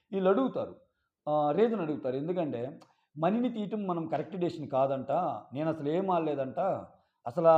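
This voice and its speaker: A man recapping a reality show episode in a casual, animated way, acting out quoted lines. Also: fairly high pitch. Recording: dull lo-fi sound.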